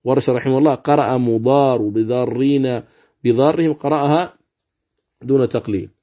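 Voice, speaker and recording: A man teaching Quran recitation rules, explaining calmly and chanting example words slowly. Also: medium pitch. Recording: dull lo-fi recording.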